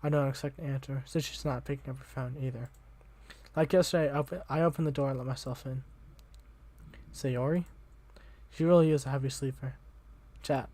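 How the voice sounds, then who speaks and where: A man's voice: mid-range voice, steady tone, fast, dark tone. A young man reading a visual novel aloud as the channel host, casual and slangy, tripping over words now and then.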